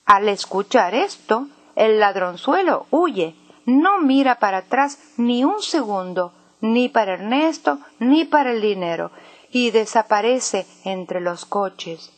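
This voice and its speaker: A woman narrating a storybook in a slow, measured way. Her voice is fairly high, and she reads clearly and expressively. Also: lively intonation, no room sound. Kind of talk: storybook reading.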